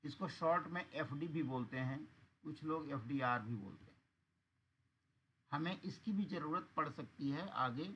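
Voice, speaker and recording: A man's voice: fairly high pitch, a little slow, fairly bright tone, slightly rough, dull audio. A man teaching accounting in an online class, explaining patiently and often checking that students follow.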